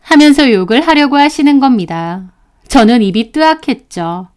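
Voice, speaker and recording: A woman telling a story in the first person, indignant and emphatic throughout. Her voice sits a bit higher than most women's. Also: lively intonation, normal speed, darkish tone, smooth. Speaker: narrator.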